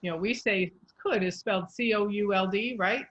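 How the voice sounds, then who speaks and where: Woman voice coach, patient, slow spelled-out explanations, mid pitch. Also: a bit bright, muffled recording. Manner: patient, spells out letters slowly. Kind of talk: pronunciation coaching.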